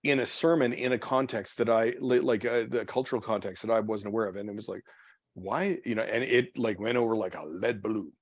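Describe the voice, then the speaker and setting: Man, pastor, casual study group talk, halting, lots of restarts, dry close sound. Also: fairly low pitch, no echo. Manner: halting, many restarts and repeated words. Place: church meeting room.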